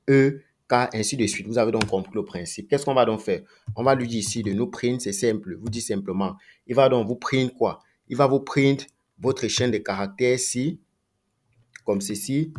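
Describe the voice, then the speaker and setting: A man teaching a coding tutorial, thinking aloud, asking himself rhetorical questions and repeating phrases as he goes. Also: lowish voice. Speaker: programming tutor. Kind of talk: screen-recorded coding tutorial.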